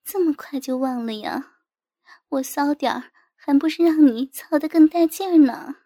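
A woman's voice: high voice, normal speed, mellow, no room sound, clean studio sound. A woman doing a coy, cooing young woman. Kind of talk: storybook character voice.

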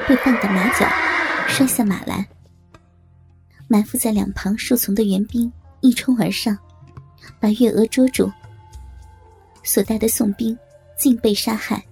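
A woman storyteller narrating a historical tale in a steady, even-paced reading. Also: a little high, creaky.

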